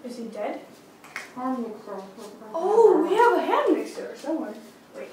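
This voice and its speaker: Cosplay skit: young woman playing hyper, goofy young male masked villain; high, bouncy voice, recorded from afar in an echoey kitchen. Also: slow, full character voice. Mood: giddy. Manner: bubbly, scatterbrained, excitable. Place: home kitchen, indoors. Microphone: far camera. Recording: roomy kitchen, far camera, noisy.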